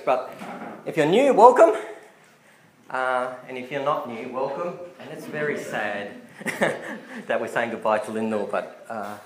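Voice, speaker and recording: A middle-aged man, an assistant pastor giving a jokey, chatty sermon, his voice booming with a cave-like echo from the church sound system. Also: a bit bright, a little hiss or hum. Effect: booming cave-like echo on the mic. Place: church hall. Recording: echoey church PA in a hall.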